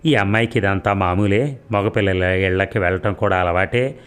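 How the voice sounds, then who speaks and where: A teasing, coaxing young man from a storybook, read by a male narrator. The voice sits very low and speaks in an easy, playful tone. He can turn stern when it counts. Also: moderate pace, a bit bright, clear, resonant tone. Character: young man, teasing yet caring lover.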